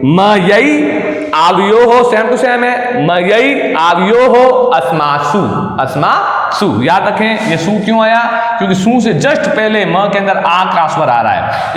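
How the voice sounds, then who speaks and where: A man teaching a class in a high voice, reciting forms and repeating them with frequent checks. The sound is roomy with a long hall reverb, as if recorded in a large space. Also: fairly bright tone. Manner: repeats forms slowly and checks understanding often. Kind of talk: classroom lesson, recited drill.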